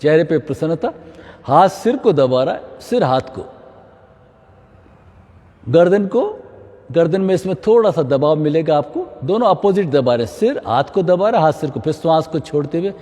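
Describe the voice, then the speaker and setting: A middle-aged man guides a yoga class, his voice high and lively as it rises and falls. The tone is mellow and a little husky. It carries a long reverb from a hall. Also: normal speed. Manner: mixes English phrases into Hindi, frequent "है ना?" check-ins. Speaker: yoga instructor.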